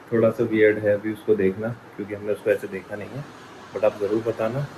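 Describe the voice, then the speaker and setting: A man's voice: fairly low pitch, fairly even intonation, brisk. Chatty male vlogger over street noise. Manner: chatty, running commentary to camera. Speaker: family vlogger. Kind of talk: casual vlog narration. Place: outdoors and around the home, on the move. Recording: noisy phone vlog audio.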